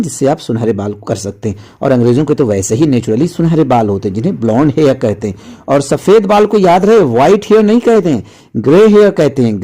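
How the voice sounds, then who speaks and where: Mellow-voiced man teaching English words. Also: on the high side. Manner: patient, explanatory, addresses viewers as friends; repeats each word with its meaning. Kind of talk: explaining vocabulary lesson in Hindi.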